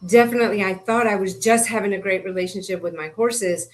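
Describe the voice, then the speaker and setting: A woman horse coach with a middle-pitched voice talks in a relaxed interview. She explains her ideas earnestly and keeps chiming in to agree. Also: a little fast. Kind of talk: casual interview conversation.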